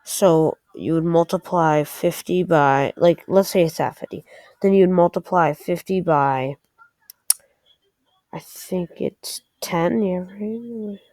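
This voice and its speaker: Slow and lowish, her darkish voice carries a casual screen-recorded game tutorial in which she thinks aloud, somewhat hesitantly. No echo.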